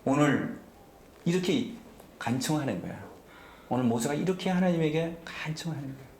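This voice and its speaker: A man's voice: fairly high pitch, moderate pace, a little mellow, echoey room, slight background noise. A man preaching a sermon as pastor, emphatic and often asking the congregation questions. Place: church sanctuary.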